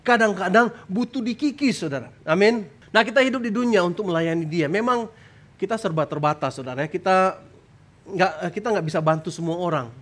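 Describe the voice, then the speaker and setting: A man preaching a sermon as pastor. He preaches with strong emphasis, keeps calling out to his listeners, and his voice leaps up when he cries out prayers. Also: a little fast. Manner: emphatic preaching, often tags lines with "saudara"; voice jumps high when crying out prayers. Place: church stage.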